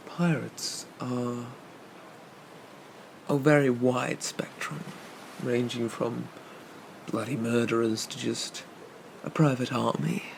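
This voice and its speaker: Faint noise sits behind a roguish, gentlemanly pirate captain, played by a man in an ASMR ASMR role-play. He talks very slowly, with a creaky, gravelly edge. His manner is flirty and teasing, with murmured asides. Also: mid-range voice. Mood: amused, musing.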